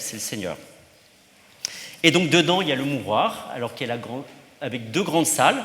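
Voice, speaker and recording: A man's voice: medium pitch, a bit bright. A male priest giving an informal teaching to teenagers, chatty, with many fillers and asides. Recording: roomy hall with long reverb.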